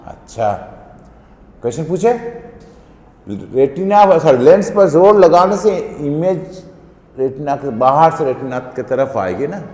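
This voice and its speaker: A man's voice: fairly high pitch, animated, a little slow, long pauses, warm tone, slight background noise. A male teacher giving a physics lesson in a classroom, explaining step by step and often asking students questions. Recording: echoey room, long reverb.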